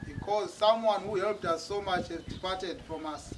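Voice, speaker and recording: A man's voice: high-pitched, normal speed. A man interpreting a church testimony line by line, sometimes hesitating and repeating words. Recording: distant mic with noise.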